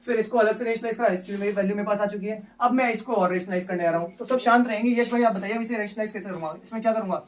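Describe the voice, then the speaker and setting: A man teaches maths live to a class of students, repeating steps and asking the class questions, recorded from a distance. His voice is high-pitched and rapid-fire with hardly any pauses, and there's slight background noise.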